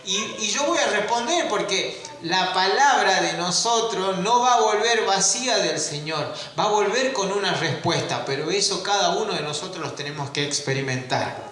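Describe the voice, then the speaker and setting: A preacher with a high, bright, forceful voice delivers his sermon animatedly at a moderate pace, pausing little. The church room echoes heavily as he questions his listeners rhetorically and draws out important words.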